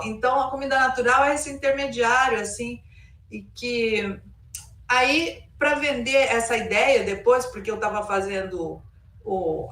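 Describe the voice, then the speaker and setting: Higher-voiced woman in an echoey room. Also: fairly bright tone. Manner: rambling, acts out quoted remarks informally. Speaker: interview guest, cultural producer. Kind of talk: informal spoken recollection. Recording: roomy echo, distant microphone.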